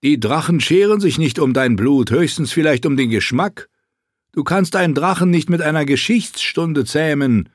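A man's voice: a little high, animated, moderate pace, no room sound, voice pushed up. In a dry, close recording, a man reads a mocking young swordsman from a fantasy audiobook. The voice sits well above the reader's own, blunt and teasing, pushing hard on every point. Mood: mocking, urgent. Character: wry mocking young male sellsword companion. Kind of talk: audiobook character voice.

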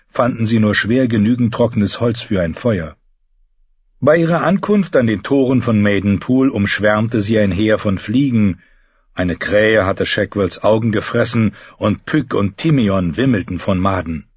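A man with a husky, breathy voice reads an audiobook in steady, measured narration. The recording is dry and close, with a slightly dull, lo-fi sound. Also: fairly low pitch, dry recording. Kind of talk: scripted narration.

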